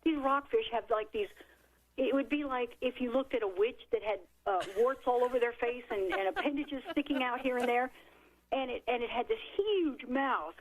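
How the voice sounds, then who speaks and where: A middle-aged woman, an author and radio guest, telling a childhood story in a lively way and acting out the quotes. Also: a little high, rough recording. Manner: lively, animated storyteller who acts out quotes. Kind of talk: storytelling in a talk radio interview.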